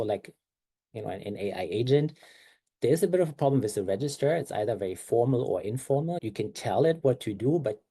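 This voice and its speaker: This man, a native German speaker, has a mellow voice of medium pitch and a German accent. He presents a slide-based conference talk in an explanatory way, often using fillers and correcting himself.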